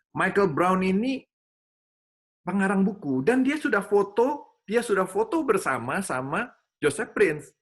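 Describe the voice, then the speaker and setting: A middle-aged man preaches a teaching talk to a church gathering, his tone bright and forward. He speaks animatedly, turning to address his listeners directly as he explains. His pitch sits in a middle range for a man. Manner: animated, addresses listeners as "saudara", acts out dialogue with his child. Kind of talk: sermon-style teaching talk.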